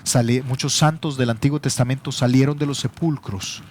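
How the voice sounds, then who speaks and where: A man's voice: mid-range voice, fairly even intonation, normal speed, darkish tone, slight background noise. A pastor with a Salvadoran Spanish accent preaching a teaching sermon, his voice rising sharply when he quotes scripture.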